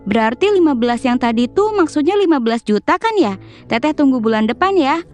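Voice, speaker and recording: A woman voicing a gentle elderly grandmother. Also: sits high, lively intonation, fairly quick, soft background music. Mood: polite. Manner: soft, courteous.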